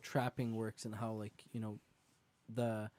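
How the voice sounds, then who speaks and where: Male podcast host, warm mellow tone, dry close sound, lively storyteller. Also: on the low side, unhurried, no echo. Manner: animated storyteller, acts out quotes, laughs often. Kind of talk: casual podcast conversation.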